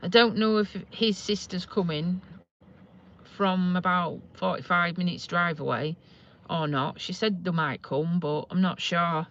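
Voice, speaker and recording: In a lowish, slightly bright voice with the high frequencies cut off, a Lincolnshire woman speaks a little slowly. She's doing a live stream from a parked car, chatting casually and rambling with a self-deprecating streak and a slight Yorkshire accent.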